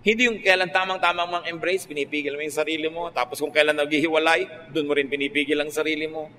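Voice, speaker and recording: A Filipino pastor preaches with easy, joking asides in a somewhat high voice. His words ring out with a long reverb in a large hall. A faint ambient hum sits under the talk. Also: fairly even intonation, quick pace, sharp tone. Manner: conversational preaching, mixing Tagalog and English, playful asides. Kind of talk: sermon.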